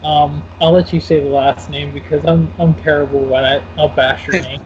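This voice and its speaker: A man hosts a casual online interview, talking in a loose, rambling way full of fillers and self-corrections. His voice is fairly high, his tone steady, and his speed normal. The audio is dull and lo-fi with faint noise.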